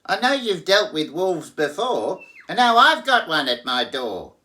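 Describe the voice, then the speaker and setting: A little storybook pig, high and squealing. He pleads and exclaims in an anxious, very lively way. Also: a little slow, full character voice, rough recording. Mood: desperate. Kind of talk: storybook character reading.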